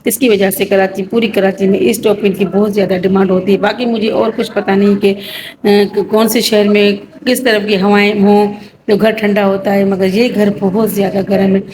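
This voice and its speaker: A woman's voice: medium pitch, level tone, noisy background. A woman vlogger from Pakistan, narrating a casual home vlog while tired with a headache. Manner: chatty, narrating what family members are doing. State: headache, low energy.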